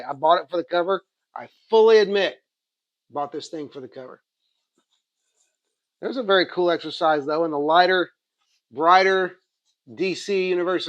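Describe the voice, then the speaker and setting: Casually showing off and reviewing what he got, a comics channel host with an Oklahoma accent rambles and thinks out loud. His voice leans high and a bit bright, with no room sound.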